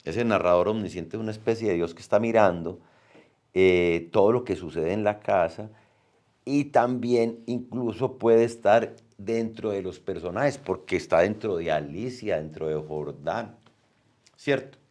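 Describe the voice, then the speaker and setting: Brief: man, very low voice, patient teacher walking students through a text. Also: unhurried, a little mellow. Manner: explanatory, frequent "¿cierto?" checks. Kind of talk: explaining reading exam questions.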